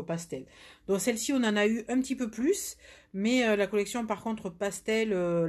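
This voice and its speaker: With a mid-range, darkish voice, this woman sells nail products, demonstrating polish live in a southern French accent. She talks casually, with plenty of fillers and restarts.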